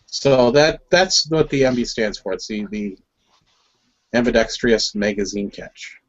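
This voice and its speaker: A man's voice: medium pitch, lively intonation, a little slow. A man with a Wisconsin accent hosting a casual group chat, talking loosely, stumbling over words now and then and laughing along. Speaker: host. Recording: dull lo-fi audio.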